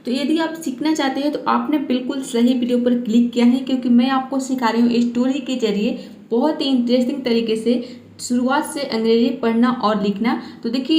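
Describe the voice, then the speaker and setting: Woman English tutor, higher voice, patient and repetitive, roomy echo. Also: dark tone. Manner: patient, repetitive, asks and answers her own questions. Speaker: English teacher. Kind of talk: Hindi-language English lesson.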